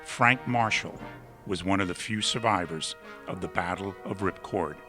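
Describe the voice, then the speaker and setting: Low-voiced male documentary narrator. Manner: steady, measured reading. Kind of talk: scripted narration. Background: music.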